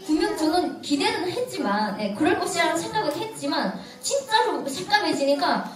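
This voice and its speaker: A woman tells her story in a high, animated voice and laughs her way through the tense parts. She sounds a little away from the mic. Her voice echoes in a hall, with an audience around her. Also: moderate pace, distant mic, a crowd in the background. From North Korea. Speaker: speaker giving testimony. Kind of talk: personal testimony to an audience.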